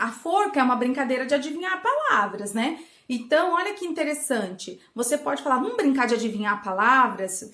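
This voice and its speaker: A woman with a high, bright-sounding voice talks parents through learning games at home. She is coaxing and playful, acting out little exchanges with a child. The sound bounces around the echoey bedroom she records in. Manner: warm, coaxing, acts out playful dialogue with a child. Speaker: channel host giving parenting tips. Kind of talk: casual home teaching talk.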